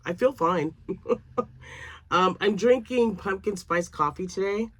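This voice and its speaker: An older woman who vlogs about crochet chats casually to the camera in a mid-range voice, speaking a little slowly. Sinus drainage makes her sound slightly nasal and froggy. She's chatty and rambling, uses lots of fillers, and laughs often.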